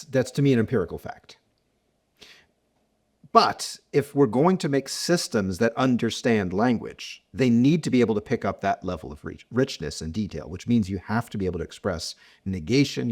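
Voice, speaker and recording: On an academic podcast, a middle-aged male mathematician answers as the guest in a lowish, expressive voice with a breathy edge, at a moderate pace. His explanations are thoughtful, full of restarts and illustrated with examples.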